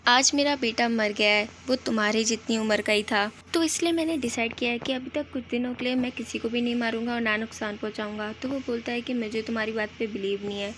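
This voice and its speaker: A woman narrating a casual recap of an animated episode, chatty and mixing in many English words. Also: a little high, quick pace, few pauses, slight background noise. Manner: addresses viewers as guys.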